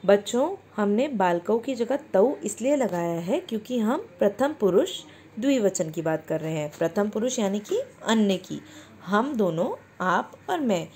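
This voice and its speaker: A woman teacher speaks slowly and deliberately, addressing the children directly as she explains each example in turn. Her voice is mellow and warm. Faint noise sits in the background. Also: medium pitch. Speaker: Sanskrit teacher. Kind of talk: classroom lesson explaining sentences.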